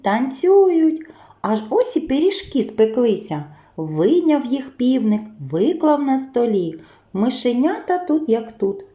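A kindergarten teacher reading a folk tale aloud to children, slow, gentle and expressive. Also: female voice, a little high. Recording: roomy echo.

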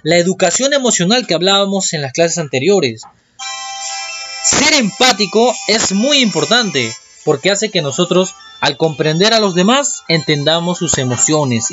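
Lively male primary teacher, dull sound. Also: fairly high pitch. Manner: lively, asks the children questions. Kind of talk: online class lesson. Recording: dull lo-fi with music behind.

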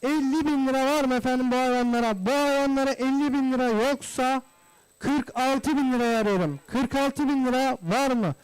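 Guy auctioneer calling bids, really high clear voice, repeats the prices, super polite. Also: moderate pace, poor audio. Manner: formal, courteous address to guests. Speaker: livestock auctioneer.

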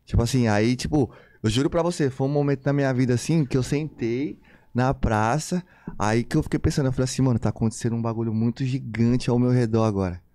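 A young man tells a story on a podcast, rambling and circling back with slang and repeated phrases. His voice is mellow and dark, recorded close and dry. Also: mid-range voice, fast talker, no room sound. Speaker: podcast guest. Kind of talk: casual storytelling.

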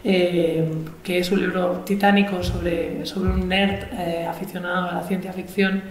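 A woman hosts a literary discussion from a big auditorium stage, her lowish voice keeping a level tone as she stumbles through fillers and keeps restarting phrases. A table mic picks her up amid auditorium echo and faint noise.

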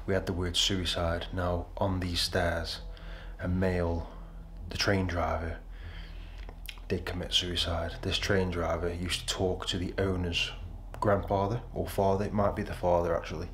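A young man quietly narrating a night-time ghost-hunting vlog, talking low and often close to a whisper. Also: little pitch movement, unhurried, slight background noise. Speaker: paranormal investigator. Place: old house at night.

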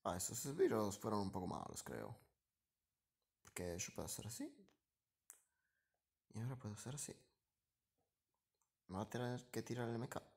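Excitable man narrating his own gameplay. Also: fairly low pitch, moderate pace, vocal fry, long pauses. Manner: excitable, repeats short phrases, muttering asides. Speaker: gaming streamer. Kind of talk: live gameplay commentary.

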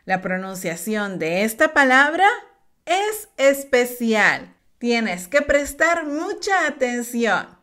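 Slow, lively woman teaching a lesson. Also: on the high side. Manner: drills words slowly for learners to repeat. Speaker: English teacher. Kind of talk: slow, clear language lesson.

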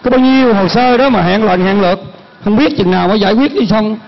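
A man's voice: sits high, fast talker. A man with a Southern Vietnamese accent playing a grumpy, proud farmer husband who lectures in proverbs in a stage comedy skit. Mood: grumbling. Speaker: stage actor. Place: stage at a contest. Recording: muffled recording with loud music.

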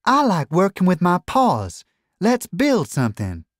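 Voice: medium pitch, huge pitch swings, measured pace, no echo, studio quality, pitched above the performer's own voice. A reader voicing a practical female bunny engineer in a children's storybook, upbeat and hands-on.

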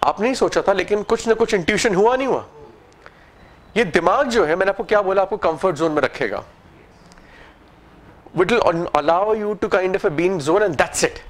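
A man's voice: high voice, lively intonation, a little slow, pauses often, a little hiss or hum. A man giving a motivational talk to an audience. He explains with everyday examples, mixes in English phrases and asks the audience questions.

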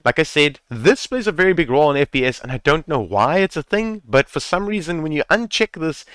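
A man's voice: on the high side, a bit bright, dry recording. A man casually talking viewers through game settings in a screen-recorded tutorial, repeating advice and swearing now and then while speaking into a headset mic. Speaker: gaming tutorial creator.

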